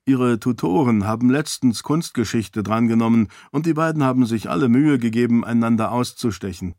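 A man's voice: medium pitch, lively intonation, fairly quick, a little mellow, dry recording, clean studio sound, close to an everyday voice. A man voicing a wry young cousin who tells stories with a straight face. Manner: wry, amused.

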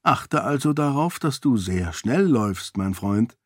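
A man's voice: medium pitch, animated, measured pace, no room sound, clean studio sound. A man doing a scheming young nobleman, urgent. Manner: commanding, pressing. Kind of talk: audiobook character voice.

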